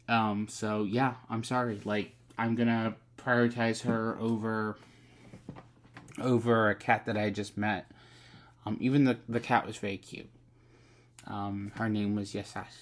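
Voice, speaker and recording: Soft-spoken man rambling to his future self. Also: medium pitch. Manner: rambling, soft-spoken, many fillers and restarts. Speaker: novelist. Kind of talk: casual video message to future self.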